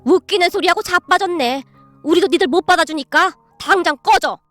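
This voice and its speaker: A woman's voice: extremely high pitch, brisk, no echo, soft background music. A woman voicing a timid middle-aged mother-in-law who earnestly practices sounding fierce. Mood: shouting. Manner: eager, earnest, practiced shouting.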